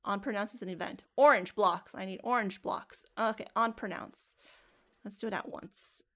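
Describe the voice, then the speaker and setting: A woman's voice: mid-range voice, moderate pace, a bit bright. A woman running a live coding workshop for teachers, casual and talking through each step aloud with frequent restarts. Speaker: teacher trainer.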